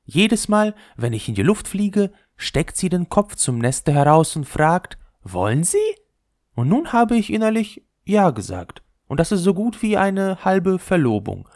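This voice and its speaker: A vain young lady ball from a storybook, coy and haughty, her voice pitched very high and swooping around, as a man puts her on. There is a gravelly grain under the falsetto, and the sound is dry and close. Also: sing-song, a little slow, darkish tone, dry recording, full character voice. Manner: coy, affected and self-important.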